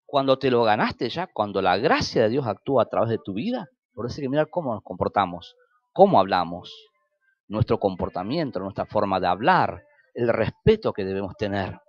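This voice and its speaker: A man's voice: fairly low pitch, big pitch swings, fairly quick, no echo, dull audio. A man with an Argentine Spanish accent preaching a sermon as pastor, telling stories and acting out quoted dialogue with sudden rises and drops.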